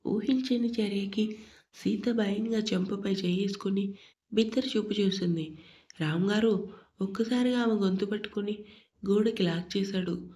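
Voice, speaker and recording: A woman narrating a romance story aloud in a steady, even reading voice. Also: medium pitch, a little slow.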